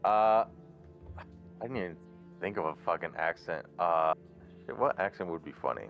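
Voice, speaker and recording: A man's voice: sits low, normal speed, vocal fry, phone-quality sound, soft background music. A man running a tabletop role-playing game on stream, talking casually with many fillers and the odd swear. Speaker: game master.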